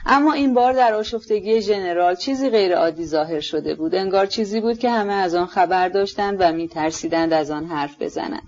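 A narrator reading a novel aloud in a steady, measured audiobook narration. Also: mid-range voice, dull audio.

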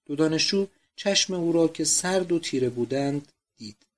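A man narrating a novel aloud in a steady, measured reading voice. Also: a little high. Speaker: audiobook narrator. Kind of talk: scripted narration.

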